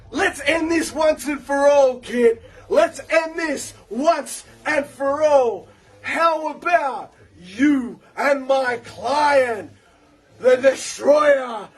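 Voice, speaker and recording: A man playing a bombastic, menacing wrestling manager in a post-match promo, shouting theatrically with drawn-out emphasis. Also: very high-pitched, husky, heavily acted.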